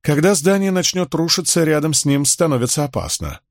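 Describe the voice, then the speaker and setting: A man's voice: fairly high pitch, animated, fairly quick, no room sound, pitched above the performer's own voice. A man voicing a wry, sardonic male aide in an audiobook, in a dry manner. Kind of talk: audiobook character voice.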